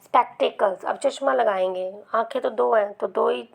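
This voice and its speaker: A woman teaching English grammar to exam students, explaining patiently and checking in often, sometimes dropping to a soft murmur. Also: a little high, moderate pace, gravelly. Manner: explains patiently with many repeated "ठीक है" checks. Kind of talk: Hindi-language grammar lesson with slides.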